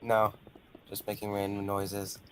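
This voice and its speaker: Low-voice dude gaming with his friend, teasing him and cracking jokes, bit of hiss. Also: monotone, unhurried, rough recording. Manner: joking, teasing, playful asides. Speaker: co-streamer friend. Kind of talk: casual chat while gaming.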